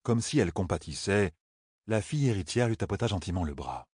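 Male audiobook narrator, deep and husky, steady delivery. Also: fairly quick, no echo, clean studio sound. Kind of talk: scripted narration.

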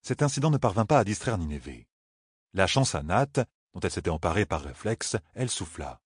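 Deep husky male audiobook narrator. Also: big pitch swings, brisk, dry recording, studio quality. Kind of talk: scripted narration.

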